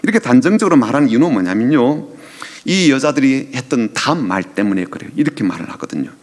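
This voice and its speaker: A man's voice: mid-range voice, sing-song, fast talker. A male pastor giving a midweek sermon, explaining scripture in a conversational way and acting out the voices he quotes.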